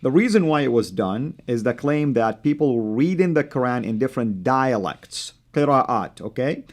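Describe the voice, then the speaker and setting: Saudi-born guy w american accent hosting a studio chat, arabic first language, lots of ums, steady pace. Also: medium pitch. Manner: measured, many fillers. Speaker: host. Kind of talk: studio discussion.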